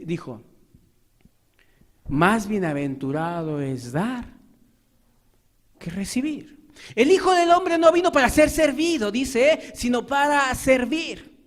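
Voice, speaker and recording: A man preaching a sermon, swinging between raised, pleading lines and low, quiet ones.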